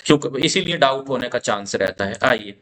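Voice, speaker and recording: In a medium-pitched, expressive and slightly bright voice, a man teaches Quran recitation to a class. He models the vowel sounds aloud, explains things patiently, and checks in often on whether his students understand.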